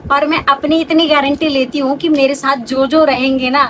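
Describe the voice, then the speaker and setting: A woman's voice: high voice, little pitch movement, moderate pace, a bit bright, a little hiss or hum, rough recording. A talkative young woman vlogger, pregnant, chatting casually as she answers her viewers' questions. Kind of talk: casual chat.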